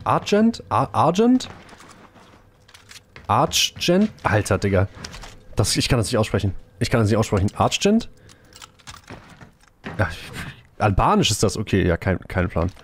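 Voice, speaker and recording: A young man streaming a shooter game live, chatting casually with viewers in a slangy, excitable way, with gunfire from the game behind him. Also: on the low side, a little fast, slight background noise.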